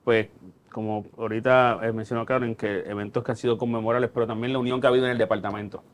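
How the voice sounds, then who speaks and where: A man's voice: mid-range voice, little pitch movement, fast. A Puerto Rican man, a department employee, explaining things in long run-on stretches on a podcast. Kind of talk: casual podcast chat.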